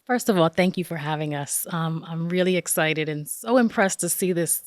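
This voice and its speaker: A woman from northern New Jersey speaks in a somewhat low voice, thoughtful and unhurried, with frequent filler pauses as she tells her story. The recording is dry. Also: no echo. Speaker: guest. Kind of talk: interview storytelling.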